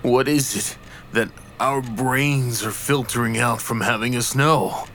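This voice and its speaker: Man playing a haunted recluse, slow hushed delivery, brooding, faint hiss. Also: mid-range voice. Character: haunted reclusive man, sensitive artist, confessing. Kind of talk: horror story reading.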